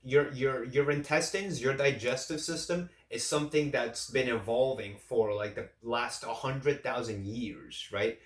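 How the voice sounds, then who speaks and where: A man's voice: mid-range voice, a little slow, few pauses, reverberant. A man in his late thirties giving casual fitness advice straight to camera, rambling and often restarting his sentences. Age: late 30s. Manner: rambling, repeats and restarts phrases. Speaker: fitness vlogger.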